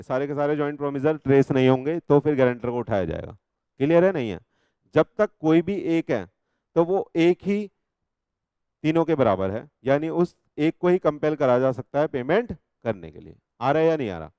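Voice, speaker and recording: A male teacher with an Indian accent, his voice a bit higher than most men's and smooth and clear. He reads the law text slowly and then breaks into chatty, teasing asides, keeping on at his students about whether they follow. The sound is dry and close, with no room echo. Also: sing-song, dark tone. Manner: teasing, scolding students with repeated checks. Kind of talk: classroom law lecture.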